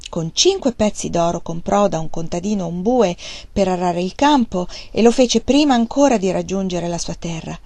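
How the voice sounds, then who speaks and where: A woman reading a novel aloud in an expressive, dramatic audiobook style. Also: on the low side, normal speed, creaky, no echo. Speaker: audiobook reader.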